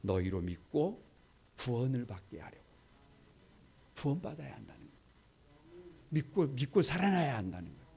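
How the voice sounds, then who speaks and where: Male pastor, middle-aged, warm low-toned voice, call-and-response sermon delivery. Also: big pitch swings, normal speed, gravelly, pauses often, husky. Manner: call-and-response preaching, asks the congregation to repeat; conversational and emphatic, often rhetorical questions.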